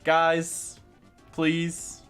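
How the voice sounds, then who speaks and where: A man's voice: fairly high pitch, monotone, extremely slow, fairly bright tone, faint music behind. A man in his late twenties streaming a game, chatting casually, ranting with sarcasm as he answers chat. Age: late 20s. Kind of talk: casual livestream chat while playing a game.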